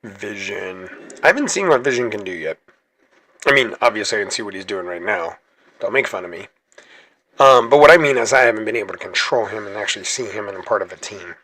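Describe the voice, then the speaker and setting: A man's voice: lowish voice, expressive, fairly quick, bright, forceful tone, dry recording. Chatty man doing dry close-mic game commentary. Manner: chatty, rambling, self-correcting, laughs easily. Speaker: gaming channel host. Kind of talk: casual gameplay commentary.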